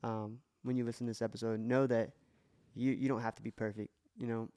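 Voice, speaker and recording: On a casual faith podcast, a male co-host speaks a little fast in a dark, mid-range voice with flat delivery. His testimony comes across as earnest and emotional, broken up by many restarts.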